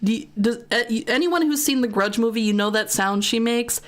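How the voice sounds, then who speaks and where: A young American woman, a gaming streamer, tells a long story in a casual, chatty way, full of fillers and swearing. Her voice is a little high and she talks fairly quickly.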